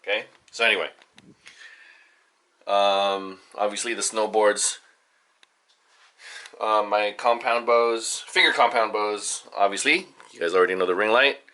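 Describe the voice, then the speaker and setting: A father hosting a family video channel, casually showing off his home studio in a halting, rambling way with lots of fillers and restarts. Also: lowish voice, bright, forceful tone. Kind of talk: casual studio tour vlog.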